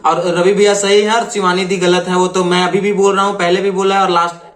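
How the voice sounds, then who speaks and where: A man's voice: sits high, level tone, a little fast, fairly bright tone, reverberant. A man hosting a reaction video, commenting on clips in an earnest, repetitive, lecturing way.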